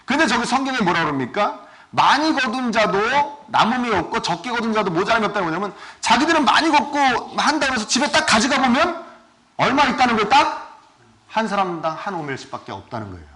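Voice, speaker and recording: A male pastor giving a sermon, asking his congregation questions and swinging between loud and soft. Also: very high voice, big pitch swings, brisk. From South Korea. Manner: asks the congregation questions often.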